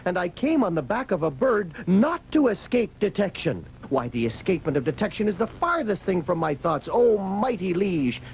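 Smooth-talking cartoon magician, grovels grandly, gravelly edge. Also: male voice, high-pitched, normal speed, few pauses, slight background noise, full character voice. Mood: flattering. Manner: grandiose, fawning flattery. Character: boastful young male magician Pindar, flattering and quick-witted. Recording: dull old cartoon soundtrack with loud music.

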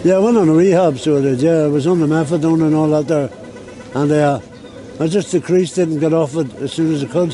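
Sitting on a busy city street, a man from Belfast with a Northern Irish accent gives a plain-spoken interview and repeats words often. His voice is a little high, brisk and warm. The low-quality recording carries slight background noise and some chatter behind him.

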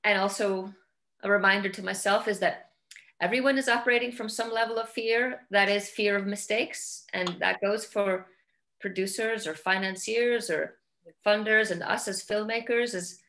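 Icelandic woman, middle-aged, film director, casual video-call chat, thoughtful, halting phrasing. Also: mid-range voice, fairly even intonation, a bit bright. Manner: thoughtful, repeats words while searching for phrasing. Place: home room with large windows.

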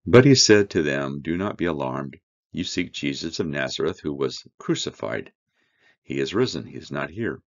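Very deep gravelly-voiced male Bible teacher. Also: very animated, muffled recording. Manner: reads scripture then explains it, slow earnest emphasis. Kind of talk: verse-by-verse Bible study.

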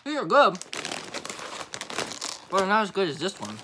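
A man's voice: high voice, sing-song, moderate pace, noisy background. A young man vlogging a snack taste test from his home basement, talking in laid-back slang and chewing as he goes.

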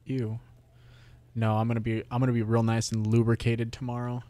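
A man's voice: medium pitch, monotone, a little fast, warm tone. A rambling, cursing young man streaming a game. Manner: profane, rambling, talks to himself and the game. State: sore throat. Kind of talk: casual live gameplay commentary.

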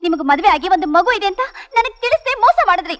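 An actress playing a young woman who feels betrayed by her lover, speaking in a sharp, reproachful way in a film scene. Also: extremely high pitch, animated, fast. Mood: accusing. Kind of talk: film drama acting.

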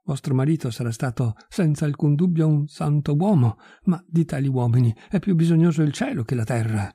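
A man's voice: fairly high pitch, lively intonation, brisk, dark tone, breathy edge, no echo, clean studio sound. A man voicing a restless, defiant young widow. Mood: consoling.

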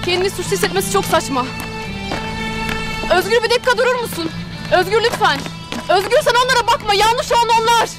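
Earnest young woman, high voice, played by an actress. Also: brisk, lightly acted, rough recording. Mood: pleading, upset. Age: young adult. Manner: pleading, insistent. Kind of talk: TV soap opera acting. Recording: loud music score underneath.

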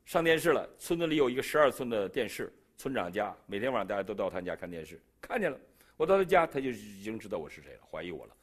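With a Beijing accent, a middle-aged man from China tells his testimony as part of a sermon, performing the dialogue. His slightly rough voice moves at a quick pace, rising and falling sharply in pitch and volume as he tells the story with animation.

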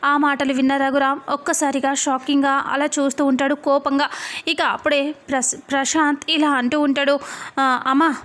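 High, flat-voiced woman narrator. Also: moderate pace. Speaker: story narrator. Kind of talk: serial recap narration.

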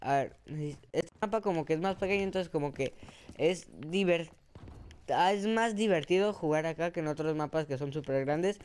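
A man with a put-on Spain Spanish accent, giving excitable, self-mocking live commentary over his own gameplay. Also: a little high, moderate pace, clean tone. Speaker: gaming channel host.

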